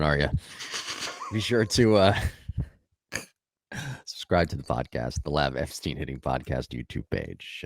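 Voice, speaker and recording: A middle-aged man with a very deep, gravelly voice jokes and banters as a podcast co-host. His talk is casual and crude, and the close mic sounds dry. There is no room sound around him. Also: no echo.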